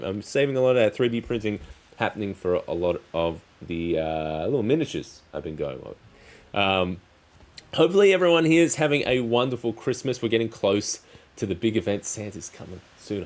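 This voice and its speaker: A man with a fairly low voice hosts a relaxed crafting stream. He talks casually and rambles, breaking his thoughts into short halting pieces. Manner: rambling, halting, trailing phrases. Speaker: streamer, crafting channel host. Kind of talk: casual livestream chat while crafting.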